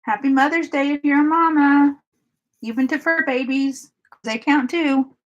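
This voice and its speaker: Chatty woman, higher voice. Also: steady tone, normal speed, dull audio. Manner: chatty, giggly, talks to viewers by name. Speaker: streamer. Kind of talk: casual live-stream chat while crafting.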